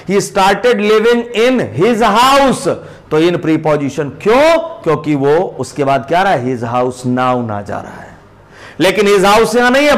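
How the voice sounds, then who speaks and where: Brief: male English tutor, Indian English accent, high voice, slow deliberate drilling of example sentences. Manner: drills example sentences slowly with heavy word stress. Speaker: English teacher. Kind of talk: spoken grammar lesson.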